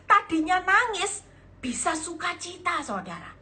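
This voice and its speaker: A woman's voice: very high-pitched, big pitch swings, a little slow, pushed and bright. A woman evangelist preaching emphatically on a live stream, acting out dialogue and addressing listeners as saudara. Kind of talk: sermon on Instagram live. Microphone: phone on live stream.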